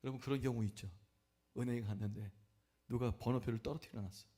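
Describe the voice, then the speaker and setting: Male pastor, sermon, call-and-response questions, builds to loud high exhortation, church sanctuary. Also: fairly even intonation, fast talker. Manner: asks the congregation questions and answers them himself.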